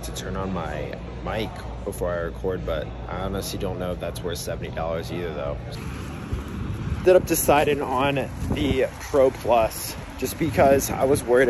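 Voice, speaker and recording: A man talking casually to his vlog camera on the go, chatty and relaxed with lots of filler words. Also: on the low side, normal speed, noisy background. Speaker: fitness vlogger. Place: on the go: home, car, mall, airport. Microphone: camera-mounted shotgun mic. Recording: background music mixed under voice.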